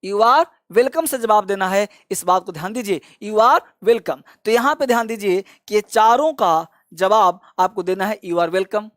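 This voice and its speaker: A man teaching spoken English who says each phrase slowly and then repeats it, calling his viewers friend and child. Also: high voice, a bit bright, no room sound, clean studio sound. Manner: drills phrases slowly and repeats them for learners. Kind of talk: classroom-style language lesson.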